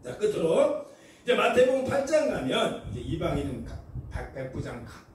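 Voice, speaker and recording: A male pastor preaching a sermon, telling stories in an animated way and acting out the voices. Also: sits high, normal speed. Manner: animated storytelling, acts out voices. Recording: echoey hall from far off, faint noise.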